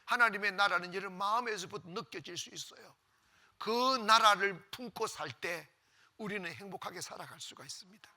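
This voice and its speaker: A pastor preaching a sermon, swinging from loud exclamations to near-whispers and repeating phrases for emphasis. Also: male voice, high voice, normal speed.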